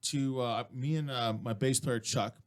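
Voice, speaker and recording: A man hosting a radio show from a live-streamed studio, chatting loudly and excitably and swearing freely. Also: mid-range voice, unhurried. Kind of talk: casual studio chat.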